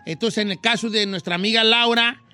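Brief: high, bright male radio host, playful and slangy. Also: fairly even intonation, brisk, smooth, soft background music. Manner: playful, slangy, mock-dramatic. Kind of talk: comedic radio banter.

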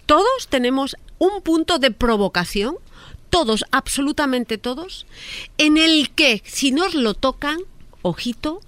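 A woman's voice: high-pitched, unhurried, dry recording. A woman, telling a story with emphasis on a talk show panel. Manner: expressive, emphatic, repeats "a ver". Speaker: panelist explaining psychology.

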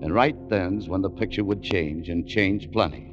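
A man's voice: low voice, moderate pace, lightly acted. An actor playing a laconic, wry American adventurer who narrates his own story in a 1940s radio drama. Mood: brooding. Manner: laconic, wry, hard-boiled. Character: American adventurer, dry and wary. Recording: lo-fi old radio broadcast with music bed.

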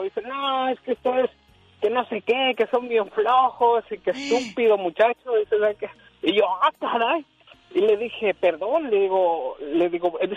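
A man tells his story on the radio in a fairly high, husky voice. The sound is dry and dull, like a lo-fi broadcast. He acts out the lines of the people in the story with energy. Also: no echo. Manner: animated, acts out dialogue. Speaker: radio caller. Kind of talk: casual storytelling on air.

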